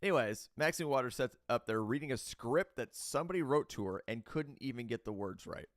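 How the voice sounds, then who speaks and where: A man's voice: medium pitch, expressive, a little fast, no room sound, clean studio sound. A man hosting a show, reading crypto news aloud and breaking into blunt, opinionated rants, with loose fillers and restarts. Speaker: host.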